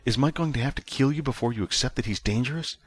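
A man's voice: medium pitch, quick pace, slightly rough, dry recording, voice pushed up, natural voice. A man voicing a blunt, matter-of-fact woman who leads a spaceship crew. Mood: blunt, stern. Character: blunt, stern female spaceship crew leader.

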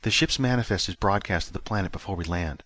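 A man narrating a science fiction story that he wrote, in steady, plain storytelling. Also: low-pitched, fast, no room sound. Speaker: author and narrator.

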